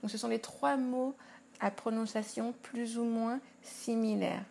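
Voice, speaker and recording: A woman in her thirties teaches English on her podcast, taking each point slowly and spelling words out letter by letter. Her voice sits a little high and carries a strong gravelly fry. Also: fairly even intonation, a little mellow, slight background noise. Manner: slow, careful explanations with spelled-out letters.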